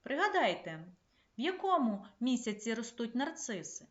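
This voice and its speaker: Female primary teacher, remote lesson, measured delivery, roomy echo, slightly dull sound. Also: fairly high pitch, big pitch swings. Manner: clear, measured classroom instruction. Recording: echoey, slightly dull room recording.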